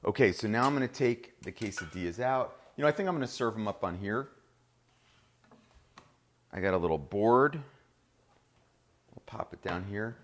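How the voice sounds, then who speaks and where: A man's voice: lowish voice, animated, moderate pace, pauses often, a bit bright, a little hiss or hum. A middle-aged man with a New Jersey accent, hosting a live cooking demonstration in an upbeat, chatty way and talking straight to viewers. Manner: upbeat, chatty, addresses viewers as "you guys". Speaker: cooking show host.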